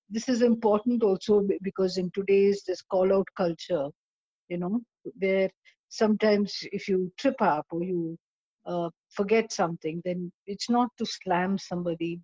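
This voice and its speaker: A woman guest reflecting in conversation, haltingly explaining her ideas through examples. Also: mid-range voice, dark tone, breathy edge, no echo, lo-fi sound. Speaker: discussion guest.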